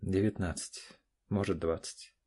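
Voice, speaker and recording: A man voicing a tired, tipsy middle-aged man with a gruff, confessional way of talking. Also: low voice, fairly even intonation, a little slow, dark tone. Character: weary drunk man, middle-aged, lovesick.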